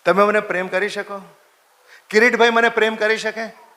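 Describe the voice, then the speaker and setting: A priest gives a sermon. His voice is bright and sits a little high for a man. He repeats his lines for emphasis and questions his listeners directly. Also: normal speed. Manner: animated, repeats phrases for emphasis, questions the congregation.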